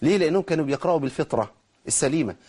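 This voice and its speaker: A man with an Egyptian accent teaching Quran recitation rules, explaining quickly and slowing down to model drawn-out words. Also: fairly high pitch, lively intonation, a little mellow, breathy edge. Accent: Egyptian Arabic. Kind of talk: tajweed lesson, explaining and demonstrating.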